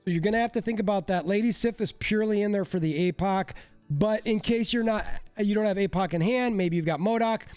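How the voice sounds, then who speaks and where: Stuffed up from a cold, a man who makes card game content talks casually and somewhat self-deprecatingly while analyzing decks. His voice sits high, a touch fast, a little mellow and smooth, in a dry recording with soft background music.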